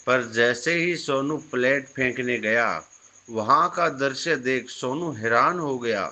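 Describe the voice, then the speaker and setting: Slow, bright-voiced male storyteller. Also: medium pitch. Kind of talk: scripted moral story narration.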